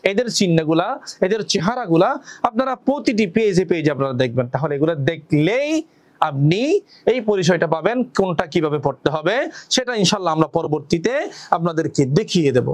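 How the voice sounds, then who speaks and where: A man teaches Quran reading in a patient lesson, explaining step by step and answering questions he poses himself. He draws recited words out slowly, with a fairly high pitch and an expressive delivery.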